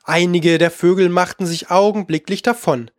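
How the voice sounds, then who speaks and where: Storybook narrator, measured and expressive, plain reading. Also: medium pitch, no echo, clean studio sound. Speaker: audiobook narrator.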